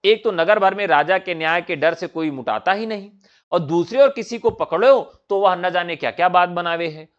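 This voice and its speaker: A man's voice: sits high, moderate pace, close to an everyday voice. A man reading the part of a blunt constable who scolds curtly. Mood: gruff. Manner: curt, scolding. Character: gruff male constable, blunt and bossy. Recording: dull lo-fi recording.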